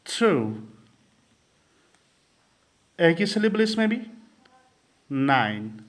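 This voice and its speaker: A man teaching a poetry lesson, counting syllables slowly and emphatically. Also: high voice, animated, a bit bright. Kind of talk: poetry lesson mixing English and Hindi.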